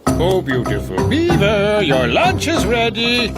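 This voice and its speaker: A lovesick cartoon chief, syrupy and fawning, his pitch swooping wildly up and down in slow, drawn-out words. Loud music plays behind. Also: huge pitch swings, full character voice. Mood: doting. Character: lovesick doting Native chief, adult man.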